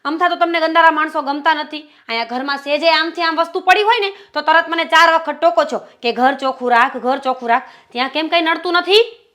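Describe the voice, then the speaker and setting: A woman plays a jealous wife pressing her husband with accusations and biting sarcasm. Her voice is high and bright. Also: fairly quick. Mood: accusing. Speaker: suspicious wife. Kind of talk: Gujarati short-film family drama acting.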